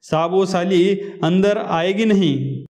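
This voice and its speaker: A man voicing a rowdy, drunken, sly man who drawls slowly and mocks everyone. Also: high-pitched, a little mellow. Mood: mocking.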